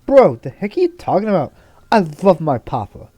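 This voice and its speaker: A man voicing a brash young man who teases loudly in slang. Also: high-pitched, very animated, a little fast, a little hiss or hum. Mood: teasing. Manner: loud, mocking, slangy.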